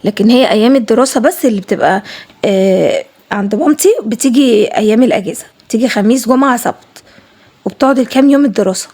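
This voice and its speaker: A woman with an Egyptian Arabic accent, a home vlogger talking casually over her cleaning footage, fast and emphatic, repeating herself. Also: on the high side, a little mellow.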